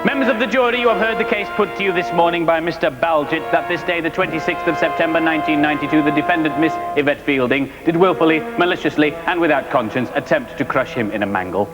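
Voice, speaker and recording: Man playing a pompous judge over loud music. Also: fairly high pitch, natural voice. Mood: solemn. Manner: pompous, deliberate, solemn. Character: pompous male judge in a mock TV courtroom.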